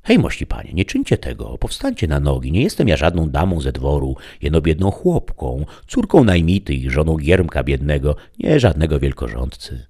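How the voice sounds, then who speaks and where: A sturdy, blunt peasant wife in her forties from an old storybook, as a male reader acts her out. She talks in plain, humble rustic phrases, pitched well above the reader's own deep voice. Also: wildly swooping pitch, moderate pace, hardly any pauses, dark tone, breathy edge, heavily acted.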